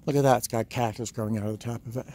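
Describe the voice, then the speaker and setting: Speaking at a racing pace, this Rhode Island man has a mellow, mid-range voice with a steady tone. As a vlogger, he explores a tourist site, outside and in small huts, chatting to the viewer in a musing, wry way. It's shot on a handheld camera amid outdoor ambient sound.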